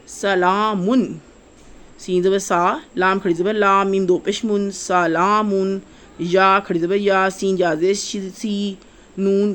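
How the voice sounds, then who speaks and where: In a slow Quran-reading lesson for children, a woman goes step by step, restating every rule and stretching vowels as she spells out syllables. Her pitch is medium, and a faint hiss or hum is audible.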